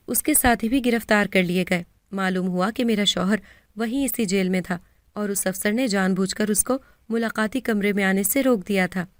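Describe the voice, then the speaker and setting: A woman with a Pakistani Urdu accent narrating a first-person moral story in a steady, earnest way. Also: medium pitch, dry recording, clean studio sound.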